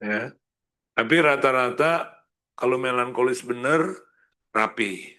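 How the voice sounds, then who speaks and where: A man's voice: medium pitch, measured pace, bright, forceful tone. A man coaching a sales team, casual and slangy, acting out short example greetings. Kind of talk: coaching session.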